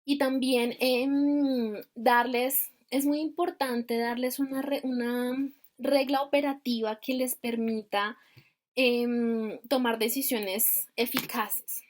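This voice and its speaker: Woman, grammar instructor, video call, higher pitch, explanatory, rhetorical questions. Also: steady tone, takes it slowly. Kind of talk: teaching over video call.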